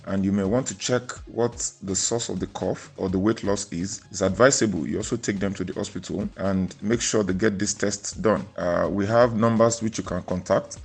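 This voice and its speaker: Low-pitched Nigerian man giving health advice. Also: a little mellow. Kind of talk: public health explainer.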